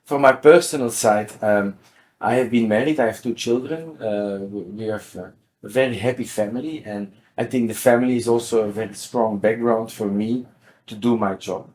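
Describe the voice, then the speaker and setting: In a poor-quality recording, a Belgian-accented man in his sixties, a company CEO appearing as an interview guest, explains things at a normal speed. His voice sits on the low side with a slightly mellow quality, and he often repeats words as he talks.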